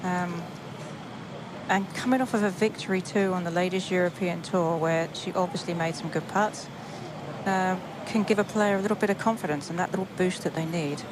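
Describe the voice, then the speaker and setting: Woman golf commentator, kinda low voice, breaking down shots, outdoor noise in the back. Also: normal speed. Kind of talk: live golf commentary, analytical. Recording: outdoor broadcast with clear background noise.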